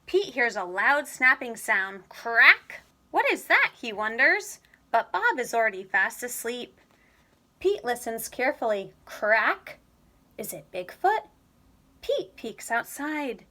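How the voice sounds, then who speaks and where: Reading from a children's storybook, a woman tells the tale in a deliberate, expressive way. Her pitch sits on the higher side.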